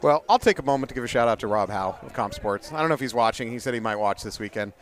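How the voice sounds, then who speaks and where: A man's voice: medium pitch, animated, fast talker. Joking male paintball co-commentator. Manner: joking, chatty, laughs often. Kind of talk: live sports commentary.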